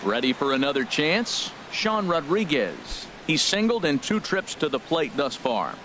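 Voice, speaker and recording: Voicing a calm, professional baseball announcer for a video game, a man calls the plays against stadium noise. His slightly high voice is sing-song, a little slow and fairly bright, and the recording is rough.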